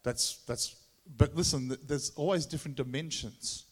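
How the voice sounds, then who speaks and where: A man with a Tasmanian Australian accent gives an informal sermon as a visiting preacher, halting and conversational, often repeating his words. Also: a little high. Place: large room or hall, speaking to a congregation. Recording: echoey hall with long reverb.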